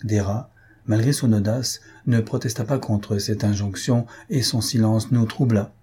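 A man reading a literary story aloud in a measured storytelling manner. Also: fairly low pitch, steady tone, warm tone, husky. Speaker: audiobook reader. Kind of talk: scripted literary narration.

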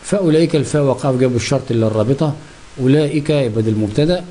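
A man with an Egyptian Arabic accent gives a grammar lesson at a brisk clip. His voice is dark and mellow. He keeps putting questions to the class and answering them himself. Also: mid-range voice, slight background noise.

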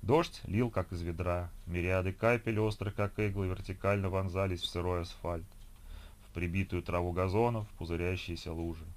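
A man reading an audiobook in measured scripted narration. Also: low-pitched, fairly even intonation.

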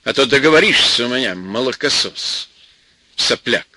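A man's voice: medium pitch, lively intonation, moderate pace, pushed and bright, dry recording. A man voicing an older, vindictive village mother-in-law who shrieks and threatens, in a raised, strained voice. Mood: threatening.

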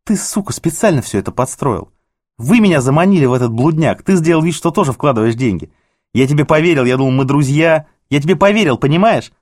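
A man playing a shrill, desperate scheming manager. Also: animated, fast talker, a little mellow, dry recording, clean studio sound. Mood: threatening. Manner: wheedling, then shrill and threatening. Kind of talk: audiobook character voice.

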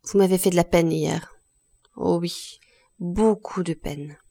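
A woman reading the lines of a shy young blacksmith, speaking haltingly and hesitantly in an audiobook. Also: fairly low pitch, fairly even intonation, gravelly, dark tone, no echo, clean studio sound, exaggerated voice.

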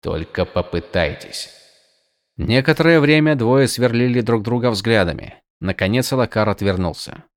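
A man narrating an audiobook in an even, measured reading. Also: medium pitch, dry recording, clean studio sound. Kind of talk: scripted narration.

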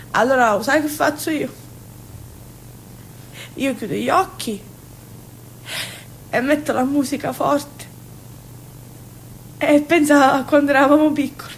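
A stage actress delivers an emotional theatrical monologue as a brash, dreamy young Sicilian woman who is poor and full of longing, her lines swinging between confiding and exclaiming. The recording sounds roomy, with a faint low rumble underneath.

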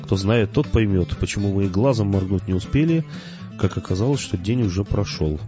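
A man narrating a story in the first person, measured and quietly wry. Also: fairly low pitch. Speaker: audiobook narrator. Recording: slightly dull, faint music underneath.

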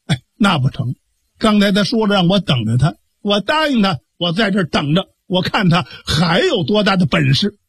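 A man doing a hot-tempered young martial hero with a Beijing accent, stubborn and indignant. His voice sits a little lower than the storyteller's own but still moves widely in pitch. The tone is slightly husky, recorded close and dry. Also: sing-song, normal speed, fairly bright tone, dry recording, heavily acted.

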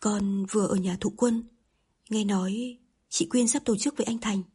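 A woman narrator voicing a soft-spoken younger sister in an audiobook. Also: mid-range voice, steady tone, moderate pace, slightly rough. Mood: urgent. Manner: soft, soothing.

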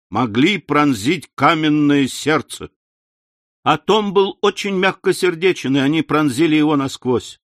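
A man narrating a classic novel as an audiobook, in an unhurried storytelling manner with confiding asides. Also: medium pitch, a bit bright, no room sound, clean studio sound. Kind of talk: scripted literary narration.

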